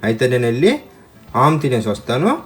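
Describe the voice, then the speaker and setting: Woman voices gentle mother cow for a kids' story, slightly raised. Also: very deep voice, sing-song, fairly quick, background noise. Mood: caring.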